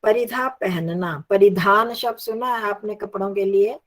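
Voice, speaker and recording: A woman's voice: mid-range voice, measured pace. A woman teaching a Sanskrit lesson, patiently reciting and drilling word forms aloud.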